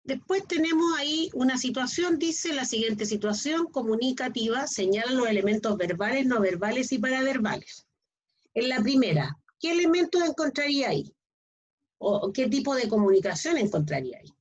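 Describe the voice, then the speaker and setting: Middle-aged woman teacher, slightly high and husky, asks the class checking questions. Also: expressive, normal speed. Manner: explains with frequent checking questions. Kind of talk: online class lecture. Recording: dull lo-fi online class audio.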